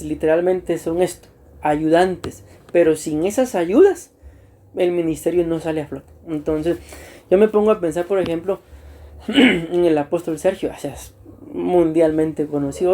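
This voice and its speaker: Male pastor, mellow tone, earnest church teaching, frequent throat-clearing. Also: fairly high pitch. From Costa Rica. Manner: earnest and unhurried, repeats himself, often clears his throat. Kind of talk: church teaching to new deacons.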